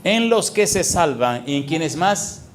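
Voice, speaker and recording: A man's voice: a little high, very animated, slow, a little hiss or hum. A middle-aged man preaching a sermon as a pastor, asking the congregation question after question and playing with sound words.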